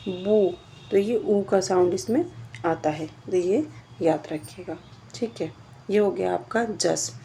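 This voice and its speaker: A woman's voice: on the low side, creaky, dark tone, slight background noise. A woman teaching a grammar lesson, explaining step by step and asking questions that she then answers herself. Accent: Indian Urdu.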